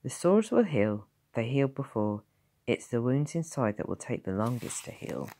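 A woman voicing a calm, gentle country doctor in a storybook reading. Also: extremely low pitch, heavily acted. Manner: measured, gentle.

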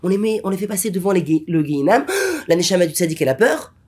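A man teaching a Torah lesson as a rabbi, an animated storyteller who drops to whispers and rises to exclamations. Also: high-pitched, fast talker, slightly rough.

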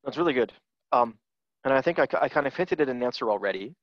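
A man in his forties, guest lecturing over a video call from an office with posters on the wall, answers audience questions thoughtfully, using fillers. His medium-pitched voice is animated and fast, and the dry headset audio sounds dull.

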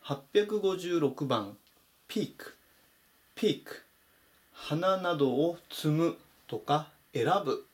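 A man teaching English vocabulary in Japanese, saying each word slowly and clearly in a voice-over lesson. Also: on the high side, lively intonation. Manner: slow, careful spelled-out pronunciation of English words.

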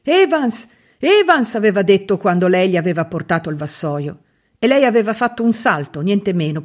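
Reading a literary novel as an audiobook narrator, a woman with a fairly low pitch takes a measured, expressive approach and uses dramatic pauses.

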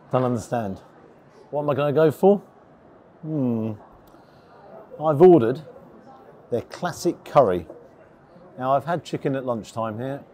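Man over clear background noise. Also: medium pitch, dark tone. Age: 50s. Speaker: food reviewer vlogger. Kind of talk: casual vlog talk to camera. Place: large open train station concourse restaurant. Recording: busy station noise and announcements. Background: station ambience, background announcements.

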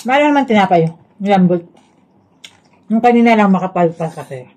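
A woman's voice: mid-range voice, lively intonation, fairly quick, warm tone. A woman from the Philippines tasting food on a family vlog, chewing while talking and dropping short, offhand remarks between bites. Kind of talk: casual food review chat.

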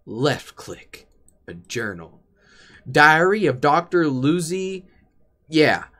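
Young man, horror game commentary, slow-paced, very animated pitch, jokey, mock-dramatic, repetitive rambling. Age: young adult. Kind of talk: casual playthrough commentary. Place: indoor room.

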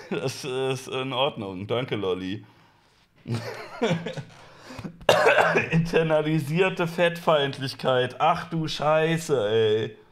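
A man's voice: medium pitch, extremely slow, long pauses, slight background noise. A young man streaming his reaction to a talk show clip, sarcastic and swearing casually, often breaking into laughter. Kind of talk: mocking live-stream commentary.

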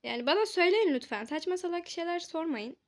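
A woman's voice: extremely high pitch, lively intonation, fast talker. A woman making a casual role-play vlog with a toy game, chatty, giggly and playful.

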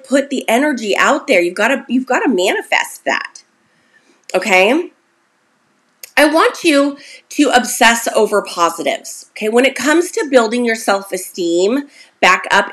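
A woman in her forties talks straight to camera, coaching her viewers on self-worth. She is chatty and encouraging and keeps checking in with a quick "okay?". Her voice sits a little higher than most. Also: fairly bright tone. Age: 40s. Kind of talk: casual motivational talk to camera.

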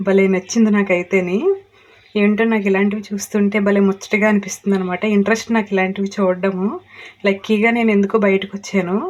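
A middle-aged woman narrates her home vlog in a chatty, homely manner, speaking straight to her viewers. Her voice sits in a middle pitch and stays fairly level, with little melody. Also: a little mellow. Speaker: vlogger.

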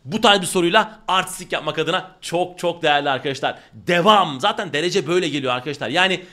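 A man teaching a grammar lesson, talking straight to his students in an emphatic, animated way. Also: on the high side, quick pace. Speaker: Turkish teacher.

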